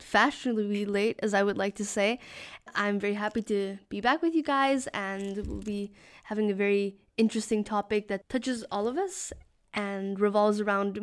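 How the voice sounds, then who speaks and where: A woman hosting a podcast, explaining a topic in a steady, scripted way. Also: mid-range voice, smooth. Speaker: podcast host.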